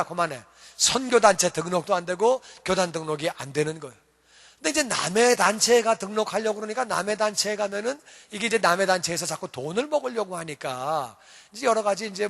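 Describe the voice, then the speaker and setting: A male pastor preaching a sermon in a church, telling a story in a lively way with acted quotes. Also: sits high, vocal fry, big-room sound.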